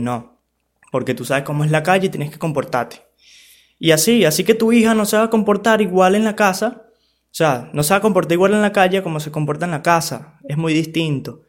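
A man with a somewhat high voice speaks straight to the camera. He gives blunt, casual advice to parents and teens, peppered with slang and swearing. He keeps checking that the listener is with him. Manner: frank and loose, with street slang and swearing; talks straight to the listener, asking for agreement.

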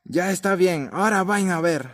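A small lion cub with a high, youthful voice, played by a man, insisting on himself with stubborn indignation. Storybook audio drama for children. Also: normal speed, a bit bright. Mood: proud.

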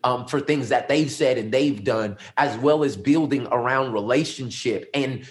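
Middle-aged man, pastor, earnest and reflective, mid-pitched voice, relaxed conversational interview answers. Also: moderate pace. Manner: earnest, reflective storytelling with many ums. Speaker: lead pastor.

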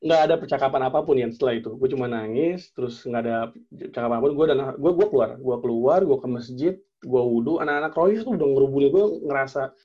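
Young man telling a lively story. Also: mid-range voice, quick pace, slightly rough, dull audio. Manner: animated, acts out quoted dialogue, lots of slang and fillers. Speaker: guest telling a personal story. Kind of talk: casual storytelling chat.

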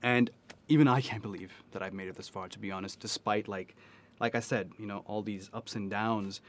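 A man's voice: on the low side, steady tone, brisk. A man with a Pakistani accent telling personal stories candidly in conversation, emphatic and often checking in with his listener. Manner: emphatic, frequently checks with "right?". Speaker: interview guest.

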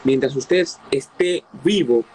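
A man's voice: medium pitch, slow pace, a little mellow, a little hiss or hum, low-quality recording. A man preaching a sermon, emphatic, repeating key phrases and asking his listeners rhetorical questions.

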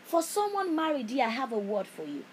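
Woman, preacher, prophetic sermon, higher pitch, emphatic repetition, faint ambience. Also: sing-song, fairly quick, slight background noise, rough recording.

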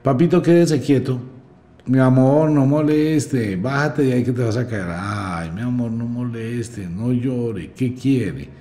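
A man's voice: takes it slowly, dark tone, close to an everyday voice. A man voicing a fretting mother who coaxes and pleads with her spoiled child in a raised, sing-song tone. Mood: pleading, coaxing. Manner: coaxing, high-pitched pleading.

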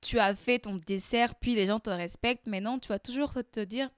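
A young woman with a Portuguese accent, a content creator talking straight to her viewers in a casual advice monologue, animated and acting out little dialogues. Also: a little high, normal speed, clear, resonant tone, dry recording, clean studio sound.

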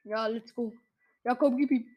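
A young woman chatting casually while playing a video game with a friend, excitable and trash-talking in slang. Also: on the high side, moderate pace, dull audio. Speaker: gamer. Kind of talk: casual gaming chat.

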